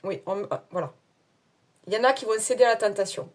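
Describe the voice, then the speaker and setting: This tarot reader talks fast in a medium-pitched voice, carrying a non-standard French accent of her own. She's chatty and informal with her viewers, hesitating with many fillers and laughing at herself along the way.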